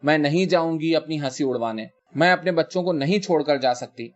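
A man's voice: on the high side, muffled recording, lightly acted. A man voicing a distraught middle-aged wife who refuses to leave her home, speaking in pleading, hysterical bursts as he reads a story aloud.

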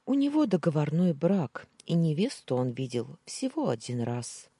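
A woman's voice: sits low, sing-song, normal speed, warm tone, breathy edge, no room sound, heavily acted. A woman voicing a shy, tearful young female maid who speaks timidly and anxiously in a storybook reading.

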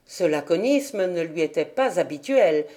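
Woman audiobook reader, calm, even storytelling delivery. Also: fairly low pitch, a little slow. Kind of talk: storybook narration.

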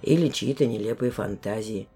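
A woman voicing a weary, fatherly male border guardian who explains things slowly and gently, in a deep, quiet voice. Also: slightly rough, faint music behind. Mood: gentle. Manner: slow, measured explaining.

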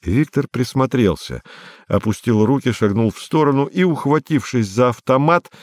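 A male narrator reads literary prose at a steady, measured pace, with a grave tone and a mid-pitched voice. The sound is close and completely dry, with no room around it. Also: no echo. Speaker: audiobook narrator.

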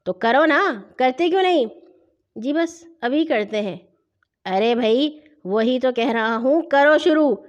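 A woman voicing a strict, bossy elder brother who scolds in rapid-fire questions in a children's story. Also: sits high, expressive, dull audio. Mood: scolding. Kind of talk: storybook reading.

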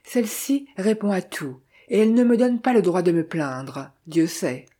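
A woman reading the part of a proud gentleman thief in love, speaking in an earnest, insistent way. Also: fairly low pitch, normal speed, breathy edge.

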